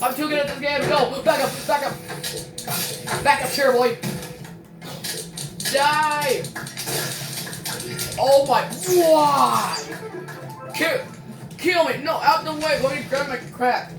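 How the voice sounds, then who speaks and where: A young gamer with a high voice talks slowly and trash-talks opponents in loud bursts. The voice sits far from the mic in a roomy, echoing space, with loud game music behind it. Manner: excitable trash talk, shouted taunts. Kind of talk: let's play commentary.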